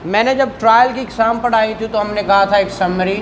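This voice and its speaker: Teaching law with a Pakistani accent, a man reads out statute and breaks it down step by step, frequently making sure his listeners keep up. He speaks a little fast in a high voice, with clear room noise audible behind him.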